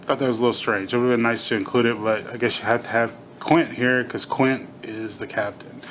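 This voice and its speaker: Middle-aged man, bright voice, numb half-mouth slur. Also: mid-range voice, fairly even intonation, a little fast, a little hiss or hum. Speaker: toy reviewer. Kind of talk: casual hands-on video review, unscripted.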